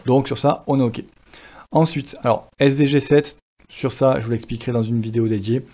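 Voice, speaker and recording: Relaxed French man walking through a tutorial. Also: medium pitch, a little fast. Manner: relaxed, chatty, many fillers and restarts. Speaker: WordPress tutorial presenter. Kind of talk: casual screen-recorded tutorial. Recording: slightly dull lo-fi sound.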